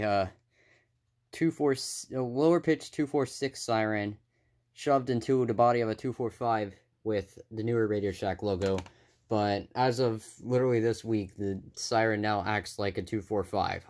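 Indoors in a carpeted room, a casual young hobbyist vlogger with a fairly low voice does show-and-tell narration, listing his gadgets offhandedly with fillers and self-corrections.

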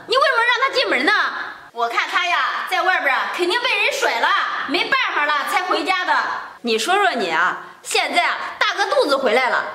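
A woman playing a sister-in-law who scolds and sneers in sharp, contemptuous tones. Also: extremely high pitch, roomy sound, heavily acted. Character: shrill scornful young sister-in-law.

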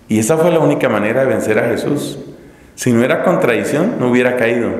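A man from Colombia preaching a teaching sermon, telling stories dramatically and acting out the voices of crowds and characters. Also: medium pitch. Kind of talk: classroom sermon. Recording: echoey hall with long reverb.

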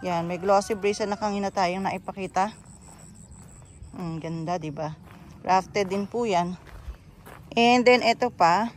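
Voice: medium pitch, measured pace, pauses often, slight background noise. A chatty plant seller, walking through a garden and pointing out plants one by one. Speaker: bougainvillea seller giving a garden tour. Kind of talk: casual garden walkthrough vlog.

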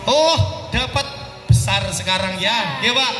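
A man with a Javanese-influenced accent hosts a live raffle loudly and playfully, rousing the crowd and calling out numbers. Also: high voice, unhurried. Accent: Javanese-influenced Indonesian. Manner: animated, repetitive crowd-rousing with playful banter. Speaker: master of ceremonies at a raffle. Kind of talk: loud live event hosting, calling coupon numbers to a crowd. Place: open grassy campground at night. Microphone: handheld PA mic, filmed from afar. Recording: echoing loudspeaker outdoors, music and crowd noise. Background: music and crowd chatter.

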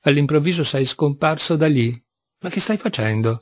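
A man's voice: a little high, animated, normal speed, no room sound. Man doing a sarcastic young seminarian, teasing, ironic, slightly raised voice, dry close sound. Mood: mocking. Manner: teasing, sarcastic, by turns astonished. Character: mocking young male seminarian, ironic and pushy. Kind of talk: audiobook reading of a classic novel.

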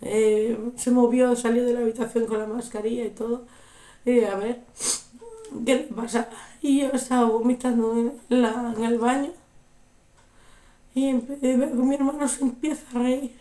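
Mujer joven que cuenta una anécdota con voz aguda. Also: female voice, on the high side, normal speed, reverberant. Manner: animated, repeats exclamations. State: unwell, recovering from illness. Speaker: vlogger. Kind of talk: casual storytelling.

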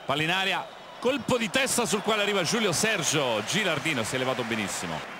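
A man giving live football play-by-play, breathless and excited, stretching and repeating his shouted goal calls. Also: on the high side, fast. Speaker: football match commentator. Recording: TV broadcast over loud stadium crowd noise. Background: loud football stadium ambience.

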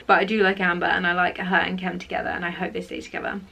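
A woman's voice: on the low side, little pitch movement, fast, gravelly, bright, forceful tone. A young woman chatting casually to her camera, opinionated and full of fillers. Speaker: vlogger. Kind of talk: casual chat. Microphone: camera mic.

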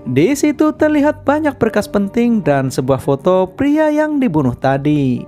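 Woman doing a film recap voiceover, pitch bouncing up and down a lot, soft music under it. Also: sing-song, measured pace. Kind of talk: scripted film recap narration. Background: background music.

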